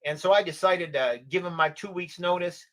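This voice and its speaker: Animated man telling a story, slightly high voice. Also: brisk. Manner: animated, acts out the voices of people in his stories. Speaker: podcast guest. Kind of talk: casual storytelling on a livestream.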